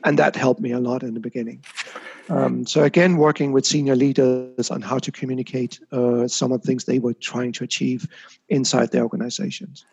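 A man's voice: medium pitch, flat delivery, brisk, creaky, a little mellow, breathy edge, dull audio. A man as an interview guest, talking reflectively about his career with frequent small restarts. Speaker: guest, communications consultant. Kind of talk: casual interview.

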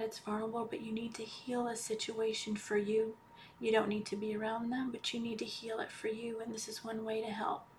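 Woman, meditation guide. Hushed, near-whispered delivery right in the listener's ear, with noticeable ambient noise behind. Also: fairly high pitch. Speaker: podcast host and healer leading a guided meditation.

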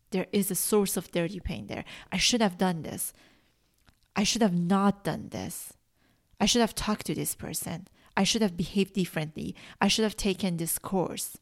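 This is a podcast host and life coach, a woman who first spoke Farsi, presenting alone. She teaches in a calm, sincere, measured way from a mid-range register, softly whispering the words she stresses.

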